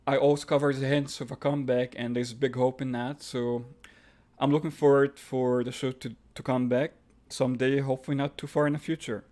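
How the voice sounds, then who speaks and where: A brisk, flat delivery marks this mid-range, darkish male voice. He's an Egyptian-accented man from Egypt hosting a live stream, reading viewers' questions out loud and answering offhandedly, stumbling into fillers and restarts along the way.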